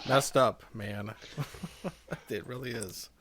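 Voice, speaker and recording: A man's voice: lowish voice, fairly even intonation, slow, fairly bright tone, slight background noise. A man co-hosting a podcast who drops dry, wry one-liners during casual chat. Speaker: podcast co-host.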